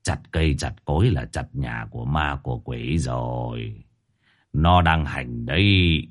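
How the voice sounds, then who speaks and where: A man voicing a pompous, self-important male exorcist who speaks slowly and solemnly in a storybook. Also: rumbling low, pitched below the performer's own voice. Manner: slow, solemn, mock-dignified.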